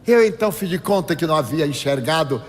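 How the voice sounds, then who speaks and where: A man's voice: a little high, fast, soft background music. Older man lecturing in a reverberant hall. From Brazil. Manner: lively storyteller, acts out dialogue. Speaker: spiritist speaker. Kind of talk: anecdotal lecture to an audience.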